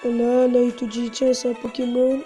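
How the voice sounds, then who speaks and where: A woman's voice: a little high, flat delivery, normal speed, mellow, soft background music. A woman narrating a casual step-by-step tutorial in a chatty way, with many fillers. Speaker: tutorial host.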